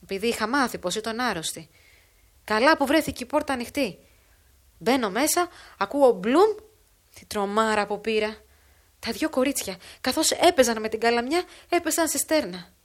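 Woman reader doing a crafty old village woman, loud and frantic, storybook drama. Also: sits high, voice pushed up. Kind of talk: dramatic audiobook reading.

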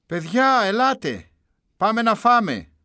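A woman voicing a kind, calm grandfather in a storybook reading. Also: a bass voice, pitched below the performer's own voice. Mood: gentle.

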